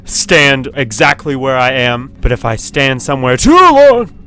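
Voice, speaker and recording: At home at his computer with a webcam, a gaming video host gives casual, excitable commentary while playing, laughing often and yelping when things happen. His voice is mid-range and unhurried.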